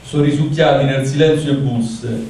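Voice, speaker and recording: A man's voice: mid-range voice, steady tone, normal speed, dark tone. Echoey, distant Roman-accented man reciting poetry. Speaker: poet reading own dialect verse. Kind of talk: poetry recitation at a public reading. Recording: echoey room, distant mic, noisy.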